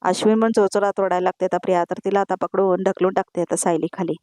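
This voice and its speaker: A woman narrating a voice-over episode recap in a brisk storytelling manner, addressing her audience, on a close mic. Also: medium pitch, little pitch movement, warm tone, no echo.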